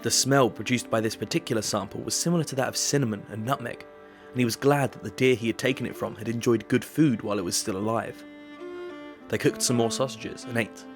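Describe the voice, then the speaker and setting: A man narrating an audiobook drama in a measured, even storytelling manner. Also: mid-range voice, music in the background.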